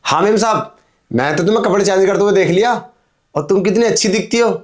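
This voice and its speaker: A man's voice: sits high, quick pace, lightly acted. A man playing a pushy young milkman who wheedles and insists in a melodramatic drama. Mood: leering. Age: young adult.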